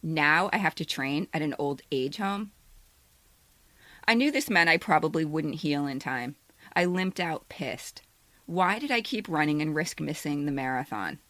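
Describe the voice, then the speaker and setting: Candid and direct, a fifty-something woman co-hosting a podcast reads her personal essay from a script before shifting to relaxed banter. She speaks a little slowly with lively intonation, in a low, fairly bright voice. There's no echo.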